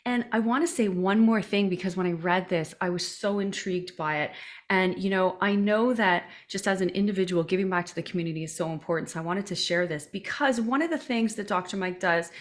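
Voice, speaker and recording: A woman's voice: mid-range voice, fairly quick. A woman hosting an interview podcast, introducing her guest and asking questions with an enthusiastic, effusive manner. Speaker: podcast host.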